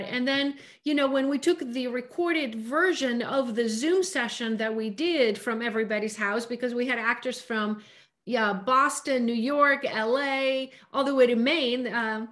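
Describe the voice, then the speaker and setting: A middle-aged woman from Greece talks casually through a laptop webcam from her home. Her voice sits a little high, and she rattles off quick bursts packed with fillers. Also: a bit bright. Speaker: director and producer. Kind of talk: casual Zoom Q&A. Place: home room. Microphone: laptop webcam on a video call.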